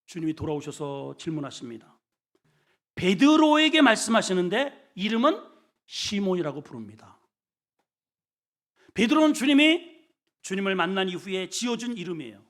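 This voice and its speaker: A male senior pastor preaching a sermon in a folksy, colloquial way, swinging between hushed and loud, emphatic lines. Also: sits high, sing-song, normal speed, pauses often. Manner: folksy, colloquial storytelling with humor.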